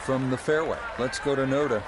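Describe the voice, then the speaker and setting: A man playing a composed golf commentator, with measured, scripted broadcast delivery and folksy asides, in a video game. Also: medium pitch, lightly acted. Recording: crowd ambience and clear background noise. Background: golf crowd ambience.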